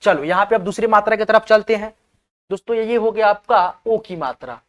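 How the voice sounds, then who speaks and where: Here a woman gives a spelling lesson at a whiteboard in a medium-pitched, fairly quick voice, patiently breaking words into individual letters and repeatedly confirming her viewers understand.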